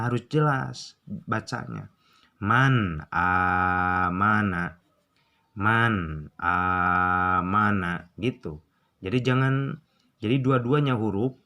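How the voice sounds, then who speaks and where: Slow, deep-voiced Sundanese man teaching. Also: fairly bright tone. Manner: repeats examples slowly, asks and answers his own questions. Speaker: Quran recitation teacher. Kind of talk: casual tutorial explanation.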